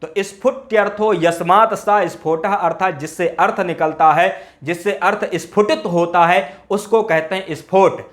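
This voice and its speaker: A man's voice: high voice, steady tone, moderate pace, few pauses. A man teaching Sanskrit grammar in an exam-prep lecture, repeating key phrases and asking rhetorical questions.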